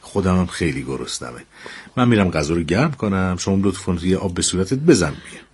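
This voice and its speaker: A soft-hearted family father in a radio play. His voice is husky and slightly breathy, and he talks in a tender, reassuring, fussing way. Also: sits low, lively intonation. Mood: soothing. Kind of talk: radio drama acting.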